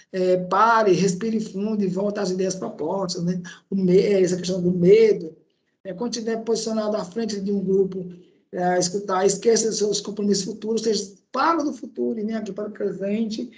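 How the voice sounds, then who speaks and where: A man's voice: sits high, fairly even intonation, brisk. Man, Brazilian accent, instructor, online lesson, laptop mic, conversational, hesitant fillers. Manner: conversational, frequent tag questions and hesitations. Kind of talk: online lecture. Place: indoor room at a laptop. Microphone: laptop microphone.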